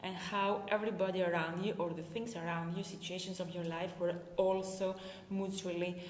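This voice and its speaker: This Greek woman from Greece, a performance coach, talks to her live-stream audience in Greek-accented English at a normal speed, her fairly low voice holding a steady tone. She hesitates often with filler sounds, and the recording has a light hiss or hum plus the long reverb of an echoey room.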